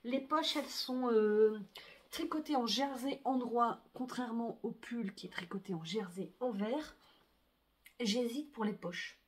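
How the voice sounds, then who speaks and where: A woman's voice: fairly high pitch, unhurried, slight background noise. A middle-aged woman, chatting casually about her sewing and knitting projects, full of fillers and restarts. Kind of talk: casual chat to camera.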